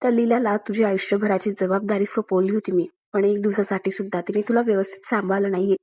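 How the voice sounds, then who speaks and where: A woman's voice: mid-range voice, steady tone, fast, a little mellow, husky, close to an everyday voice. Harsh mom tearing into her daughter, read by a woman. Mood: scolding. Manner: scolding. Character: harsh scolding middle-aged mother.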